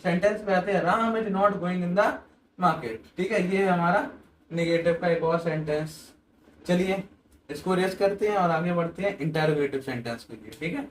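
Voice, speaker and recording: A man's voice: high-pitched, far from the mic, a little hiss or hum. A man teaching an English grammar lesson, asking questions and answering them himself. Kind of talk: classroom-style grammar lesson. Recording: echoey room, voice off-mic.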